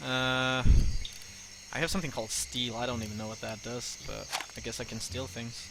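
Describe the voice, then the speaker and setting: A man's voice: medium pitch, little pitch movement, moderate pace. A man hosting, chatting casually while playing a game, laughing and swearing often. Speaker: host. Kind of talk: casual gaming chat. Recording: very noisy audio.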